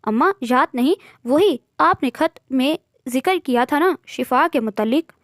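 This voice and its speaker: A woman's voice: high voice, lively intonation, a little slow, no room sound, studio quality. A woman narrator voicing Saad, a confident, charming young man. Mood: light.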